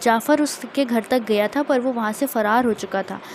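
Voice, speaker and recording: A woman's voice: fairly high pitch, normal speed, slight background noise, close to an everyday voice. A woman doing a teasing young husband. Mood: tender. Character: young adult husband, teasing, affectionate, self-assured. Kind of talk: storytelling a romance.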